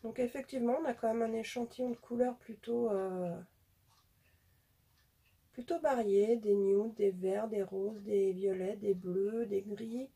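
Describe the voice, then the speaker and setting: A woman's voice: mid-range voice, steady tone, unhurried, warm tone, husky. A woman chatting casually as a beauty vlogger showing off her haul, hesitating often with fillers. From France.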